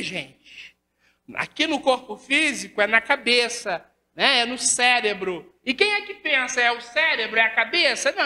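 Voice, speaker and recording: A high, bright, forceful female voice delivers a spiritist lecture with a Brazilian Portuguese accent from Rio de Janeiro. She acts out dialogues, fires rhetorical questions, and ends sentences with constant tag questions to the audience, recorded in the reverberant lecture hall of a spiritist center.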